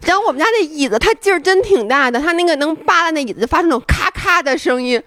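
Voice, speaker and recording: A woman's voice: high-pitched, fast, dry recording. A woman hosting a podcast, telling a story in casual chat and acting it out with sudden shrieks and laughter. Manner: animated, breaks into shrieks and laughter when reenacting. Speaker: podcast host.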